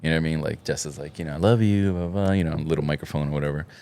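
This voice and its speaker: A man's voice: extremely low pitch, steady tone, rapid-fire, a little mellow. A man in his thirties, a podcast host, telling stories in casual, profane chat. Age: 30s. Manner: swearing, storytelling with bursts of laughter.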